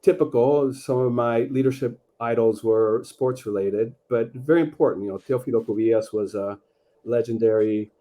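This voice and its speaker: A middle-aged man from Peru, a guest author talking in a measured, reflective way with many fillers over a video call. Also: mid-range voice, dark tone. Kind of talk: conversational interview.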